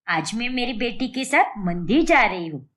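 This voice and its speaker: A woman voicing a bossy, scheming middle-aged mother who scolds her daughter in an animated storybook. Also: a little high, normal speed. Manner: scolding, insistent.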